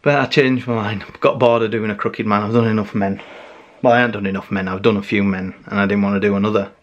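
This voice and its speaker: A man's voice: lowish voice, steady tone, fast talker, muffled recording. A man chatting casually on his art vlog, rambling and correcting himself as he goes, with frequent laughs. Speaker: art vlogger.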